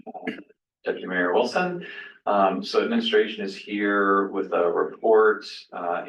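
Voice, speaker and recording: A man with a very low voice presents an administrative report in measured, procedural fashion. The recording is roomy and slightly dull, with the microphone at some distance. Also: a bit bright. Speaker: municipal administrator. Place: indoor council chamber. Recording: distant, echoey, dull room sound with noise.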